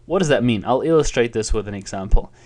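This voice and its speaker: A man giving an online language lesson, explaining calmly and patiently with the occasional filler. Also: mid-range voice, quick pace. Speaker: language teacher.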